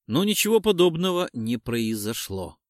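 A man narrating a first-person sci-fi audiobook in an expressive, dramatic telling. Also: medium pitch, normal speed, no echo, clean studio sound.

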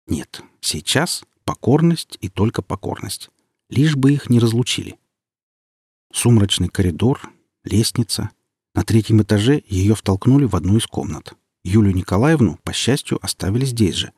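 A man narrating an audiobook in an expressive, lively reading. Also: lowish voice, slightly rough, no room sound, studio quality.

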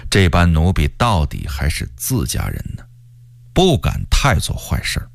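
A man's voice: low voice, wildly swooping pitch, vocal fry, dry recording, voice pushed down, heavily acted. Man playing a cold suspicious emperor. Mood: stern. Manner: slow, cold, measured menace. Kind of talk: radio storytelling.

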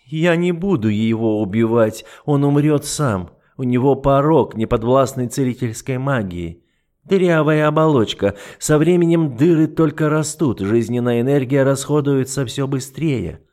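A man's voice: fairly high pitch, unhurried, darkish tone, voice pushed up, natural voice. A man voicing a cold, cruel, scheming duke in an audiobook, condescending and mocking. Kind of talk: audiobook character voice.

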